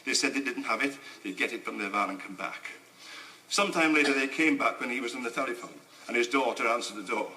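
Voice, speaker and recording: A man giving an indignant, emphatic parliamentary speech in a debating chamber, with halting restarts. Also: mid-range voice, sharp tone. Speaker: member of parliament. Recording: echoey chamber.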